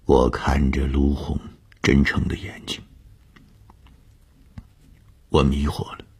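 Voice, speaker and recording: A man narrating a first-person audiobook story, slow and often breathy, sometimes half-whispered. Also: rumbling low, monotone, darkish tone.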